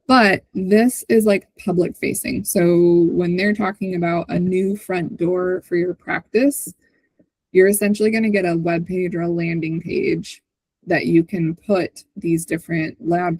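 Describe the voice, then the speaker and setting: A woman with a lowish, slightly mellow voice hosts a community call over video with screen sharing, explaining things in a conversational way and often asking "right?" to check in with listeners. There's no room sound, though the audio quality is poor.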